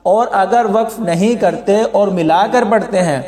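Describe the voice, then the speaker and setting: Slow, patient man teaching recitation. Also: high voice, a little mellow. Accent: Pakistani Urdu. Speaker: Quran teacher. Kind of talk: slow explanatory lesson with chanted recitation. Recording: echoey room with long reverb.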